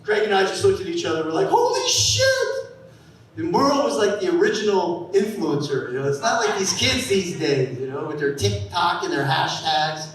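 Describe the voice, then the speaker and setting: A man in his fifties from the San Francisco Bay Area doing a rambling stand-up set on a comedy club stage, breaking into loud shouted voices for the people in his stories. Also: a little high, expressive, a little fast, hardly any pauses. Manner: rambling storytelling with bursts of shouted character voices. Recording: echoey club sound from a distant mic.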